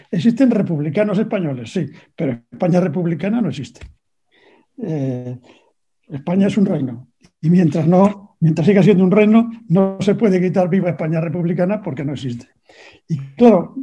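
An older man from Spain, a retired navy officer, answering an interview question with deliberate, argumentative points and frequent pauses. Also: on the high side, dark tone, husky. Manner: deliberate and argumentative, pausing on fillers. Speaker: retired navy captain, guest. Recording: dull lo-fi recording.

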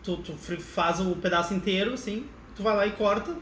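A man's voice: high voice, a little fast, a bit bright, roomy sound, slight background noise. A man chatting as a podcast guest, telling stories with frequent laughs and restarts. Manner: chatty storyteller, laughs often, restarts mid-sentence. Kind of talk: casual chat.

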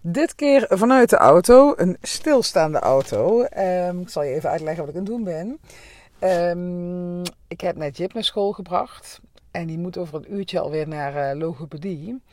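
A middle-aged woman with a slightly hoarse voice, hosting a casual solo podcast from a parked car, chatty and full of filler sounds. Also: fairly low pitch, animated, normal speed, a little mellow. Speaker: podcast host.

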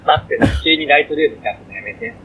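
A man's voice: a little high, fast, phone-quality sound, a little hiss or hum. A young man co-hosting a casual podcast livestream, rambling and apologetic, slipping into a Kansai accent. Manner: rambling, self-deprecating, slips into Kansai dialect. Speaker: podcast co-host.

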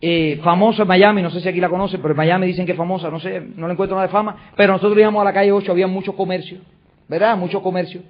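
A man's voice: sits high, fairly even intonation, rapid-fire. A man giving an emphatic motivational talk to an audience, full of repetition and rhetorical questions. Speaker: motivational speaker. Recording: dull lo-fi recording.

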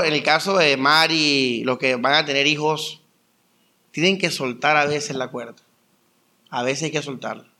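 A young man preaches in a loose, conversational way, spinning stories and throwing rhetorical questions at the congregation. His voice sits a bit high and rings bright and forceful. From Colombia. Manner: animated storytelling with rhetorical questions. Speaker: pastor. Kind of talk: conversational sermon.

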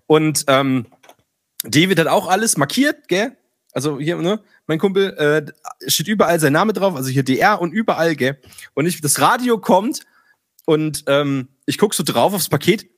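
Casual podcast co-host, male, somewhat higher voice, lively anecdote-teller, dry close sound. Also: no room sound. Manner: animated storyteller, acts out dialogue, swears casually. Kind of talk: casual chat.

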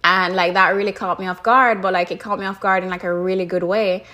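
A woman's voice: medium pitch, fairly even intonation, a little fast, sharp tone. Woman musing on her own podcast. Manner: casual and chatty, many fillers like "like" and "you know"; candid, laughs now and then. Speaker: podcast host. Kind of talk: solo podcast, personal reflection.

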